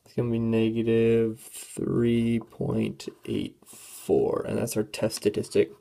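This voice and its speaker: A teenage student presenter talks through a statistics problem on a calculator as a classroom walkthrough, thinking aloud with halting speech and plenty of fillers. Her voice is going hoarse, so she keeps clearing her throat. The pitch is medium, the intonation fairly even, and the tone warm.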